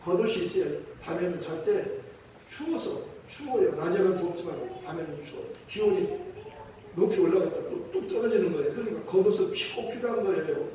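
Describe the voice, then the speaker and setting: A man preaching a sermon as pastor, telling a story with lively acted-out voices and chuckling now and then. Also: sits high, slight background noise. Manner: animated storytelling, acts out quoted voices. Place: church sanctuary. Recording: echoey church hall, mic at a distance.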